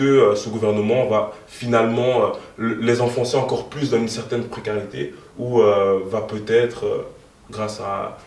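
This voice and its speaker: A young man in his twenties gives interview answers in a lowish voice, pausing often and filling gaps with ums. He sounds set back from the mic. The room around him is echoey. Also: a little mellow, distant mic. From moved to Belgium in 2013. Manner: hesitant, many fillers. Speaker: guest, youth party co-president.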